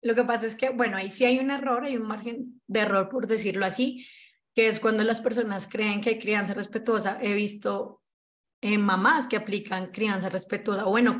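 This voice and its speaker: A woman's voice: medium pitch, steady tone, normal speed. Woman, interview guest, earnest and explanatory, mid-range voice. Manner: earnest, explanatory, acts out parents' quoted lines. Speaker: guest on parenting. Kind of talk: conversational interview answers.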